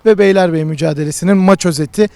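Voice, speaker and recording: A man's voice: sits high, quick pace, vocal fry, mellow, no room sound. A man hosting a football talk show, presenting and handing over to his guest. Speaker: sports show host.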